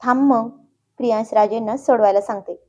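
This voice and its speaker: A woman's voice: on the high side, fairly even intonation, brisk, close to an everyday voice. A woman voicing an affectionate middle-aged mother who speaks fondly and proudly, in a storybook reading. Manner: warm-hearted and fond.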